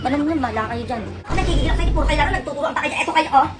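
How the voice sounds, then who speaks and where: A woman in comic family skits, talking in a quick, scolding, exasperated way. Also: high voice. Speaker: comedy skit creator. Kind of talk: comic skits playing several family roles. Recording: skit clip with loud music behind.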